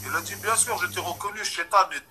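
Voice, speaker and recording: A young man in casual chat, telling animated stories and acting out the voices of the people in them. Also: high-pitched, fast, a little hiss or hum. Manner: animated storytelling, acts out voices of others. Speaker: storyteller in a chat.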